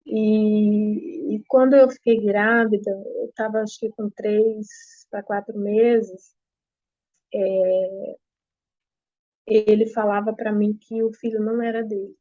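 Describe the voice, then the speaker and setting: A young adult woman with a Brazilian Portuguese accent gives an emotional personal testimony, repeating herself with halting pauses, at home. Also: medium pitch, level tone, mellow, no room sound. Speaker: interviewee giving testimony. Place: apartment at home. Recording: slightly dull lo-fi, dry.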